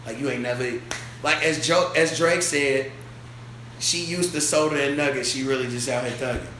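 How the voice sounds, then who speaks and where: A man in his twenties chatting casually on a podcast, telling stories in a loud, animated, slangy and profane way. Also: medium pitch, normal speed. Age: 20s. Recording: echoey room with faint ambient noise.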